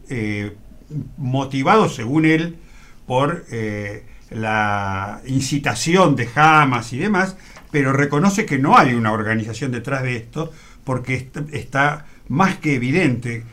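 A man adding to a radio news discussion in a measured, hesitant way, with filler pauses. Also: medium pitch, fairly bright tone. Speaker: co-host commentator.

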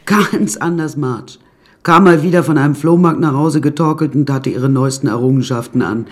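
In a radio play, an actress with a low, darkish, natural voice plays a wry woman recounting her death-strewn childhood. She speaks at a moderate pace, dry, confiding and darkly comic.

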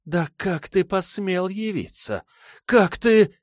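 A man reading an audiobook voices a furious, sobbing young noblewoman who lashes out in shrill, hissing outbursts. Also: extremely slow, dry recording, studio quality. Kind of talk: audiobook character voice.

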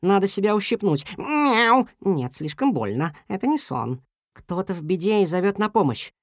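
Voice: mid-range voice, big pitch swings, moderate pace, dry recording, clean studio sound. A storyteller voicing a brave, kind young male cat in a children's audiobook, speaking eagerly. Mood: puzzled. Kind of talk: storybook reading.

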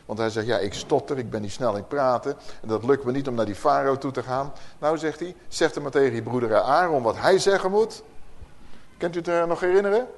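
A man teaching the Bible to a live audience, lively, asking the room questions and reading verses aloud with emphasis. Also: medium pitch, fairly quick. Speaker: preacher.

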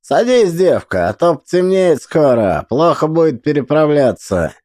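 A man voicing a fat, rough, jovial man who talks in a coarse, mocking and boisterous way, in a dry recording. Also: on the high side, very animated, measured pace, a little mellow, no room sound, voice pushed up.

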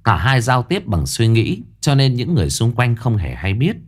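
A man narrating a ghost story in an expressive storytelling way. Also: medium pitch, moderate pace.

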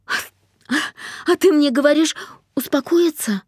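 A woman's voice: animated, no echo, clean studio sound. A woman voicing a distraught young adult daughter who accuses her father and breaks into sobs, in an audiobook. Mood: indignant. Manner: shrill, rapid, breaking into sobs.

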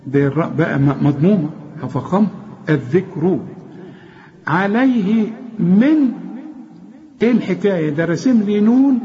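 A man with an Egyptian accent teaching the rules of Quran recitation, explaining each rule plainly and then chanting the verse slowly. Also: high voice, dark tone, highs cut off. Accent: Egyptian Arabic. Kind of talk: tajweed lesson with recited examples.

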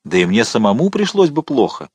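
A man's voice: mid-range voice, very animated, brisk, darkish tone, slightly rough, no echo. A man reading an audiobook, voicing a pompous, self-satisfied rich nobleman who complains about his lodgings.

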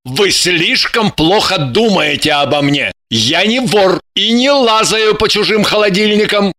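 A woman's voice: medium pitch, lively intonation, measured pace, fairly bright tone. A woman reading an audiobook voices a sulky, evasive man who grumbles and defends himself plaintively. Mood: defensive. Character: sulky, self-pitying man, evasive and sly. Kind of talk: audiobook character voice.

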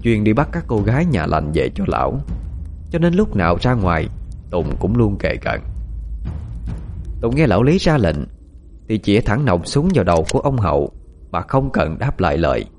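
A male storyteller with a lowish voice narrating a ghost story, his pitch rising and falling with the drama. Soft music plays faintly underneath. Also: normal speed, pauses often. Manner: animated, expressive storytelling.

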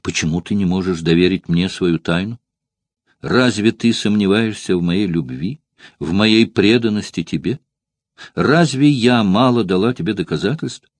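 A man's voice: low-pitched, moderate pace, no echo. A man voicing a desperate young Roman noblewoman in love, pleading and close to sobbing. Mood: tearful pleading. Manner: pleading, on the verge of sobs.

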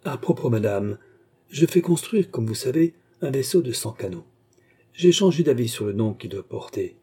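A man reading an audiobook who voices an effusive, eager French king with excited, exclamatory lines. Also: medium pitch, moderate pace, breathy edge. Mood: gracious. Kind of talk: audiobook character voice.

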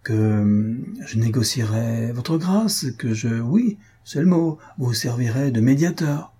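A tipsy, jovial middle-aged baron holding forth with hearty mock solemnity, as a male reader voices him. The voice is husky and breathy, with a warm, dark tone. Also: mid-range voice, lively intonation, takes it slowly.

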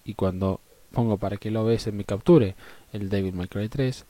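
A man's voice: lowish voice, moderate pace, dark tone, dry recording. A man with an Argentine Spanish accent chatting casually and swearing as a live game streamer, often muttering to himself.

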